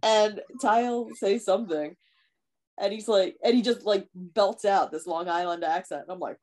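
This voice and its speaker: A woman in her thirties co-hosting a casual podcast chat, chatty and quick to laugh as she tells stories. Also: mid-range voice. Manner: chatty, laughs often, animated storytelling. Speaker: podcast co-host.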